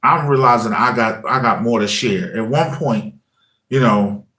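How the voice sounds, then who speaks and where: A man's voice: mid-range voice, a little slow. A man in his forties in a casual, conversational telling of his story, with loose chatty phrasing and lots of "you know what I mean" fillers. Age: 40s. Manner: acts out his own past words in lively quoted asides. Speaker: former high school teacher and music channel creator.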